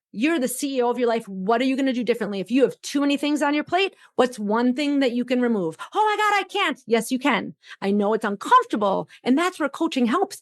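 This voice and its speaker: A woman's voice: high-pitched, no room sound, studio quality. A middle-aged woman, a physician and coach, giving emphatic advice in a podcast interview and acting out quoted inner voices.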